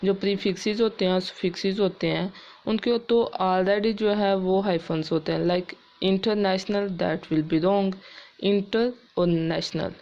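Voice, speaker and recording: A woman English teacher explaining grammar rules step by step, spelling words out letter by letter and reading English rules slowly and carefully. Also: mid-range voice, steady tone, darkish tone, muffled recording. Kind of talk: classroom-style grammar lesson.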